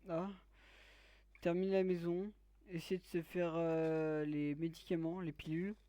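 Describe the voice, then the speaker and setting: Man, gaming commentary, crude teasing banter, slightly high voice, dry close mic. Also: little pitch movement, measured pace, mellow, clean tone, no echo. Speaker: gaming YouTuber. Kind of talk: let's play commentary.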